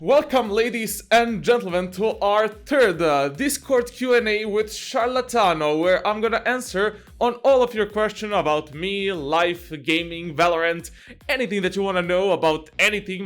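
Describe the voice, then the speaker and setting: High-voiced joking young man. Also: moderate pace, soft background music. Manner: jokey, laughs often, many fillers and restarts. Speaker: channel host and game coach. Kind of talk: casual Q&A vlog.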